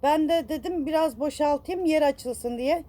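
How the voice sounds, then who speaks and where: Upset high-voiced woman vlogger. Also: measured pace, dark tone. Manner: upset, rambling, self-reproaching, many fillers; affectionate toward viewers. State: distressed. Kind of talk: casual vlog apology to viewers.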